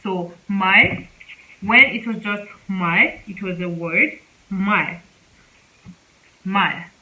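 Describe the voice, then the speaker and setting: A woman teaching a casual spoken lesson, speaking slowly and repeating example words several times. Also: medium pitch, pushed and bright, muffled recording. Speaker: Korean language teacher.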